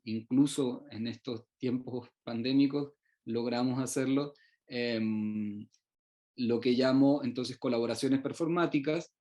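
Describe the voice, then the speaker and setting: Man, from Uruguay, raised in Chile, academic presenter, hesitant, full of fillers, mid-pitched voice. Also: a little mellow. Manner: hesitant, many fillers and restarts. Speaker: researcher presenting his work. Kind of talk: online presentation.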